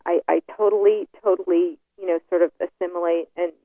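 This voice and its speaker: Over a tinny phone line, a New York woman is the guest in a casual interview, speaking hesitantly with many fillers and restarts. Her voice is fairly low and fairly even in intonation, her pace brisk, and there's no room sound.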